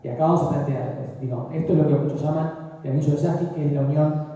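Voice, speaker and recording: A man's voice: fairly high pitch, fast talker, mellow. Older man lecturing in an echoey room. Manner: explanatory, frequently checks understanding with "¿sí?". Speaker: radiology lecturer. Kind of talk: recorded medical lecture. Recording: distant, dull echoey room.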